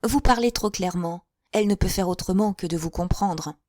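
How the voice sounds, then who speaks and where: A woman voicing a proud, clever young lady who speaks in a hushed, urgent murmur. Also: lowish voice, a little fast, dry recording, clean studio sound, close to an everyday voice.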